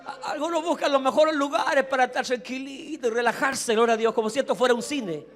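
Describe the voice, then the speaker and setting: A man preaching a fervent sermon as pastor, swinging from hushed pleading to loud shouting and acting out the voices of others. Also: extremely high pitch, a little fast. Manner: acts out quoted voices of the crowd.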